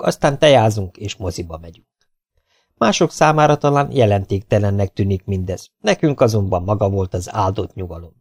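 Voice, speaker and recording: A man reading a story aloud as an audiobook narrator, with a steady, even storytelling delivery. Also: lowish voice. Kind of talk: scripted narration.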